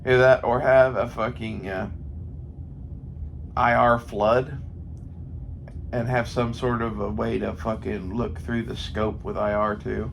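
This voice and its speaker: A man with a creaky, gravelly American voice at a medium pitch talks off the cuff. He thinks aloud in a loose, profane ramble. Faint noise sits behind the recording. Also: little pitch movement, unhurried, pauses often. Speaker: gun hobbyist vlogger. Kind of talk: casual rambling monologue. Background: faint ambient noise.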